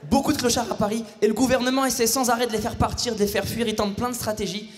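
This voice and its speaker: Male stand-up, fairly high voice, ironic and playful, hall reverb with faint crowd. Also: fairly even intonation, quick pace, faint music behind. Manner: ironic, playful digs at the audience. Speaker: stand-up comedian. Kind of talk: stand-up routine. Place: theatre stage before a live audience.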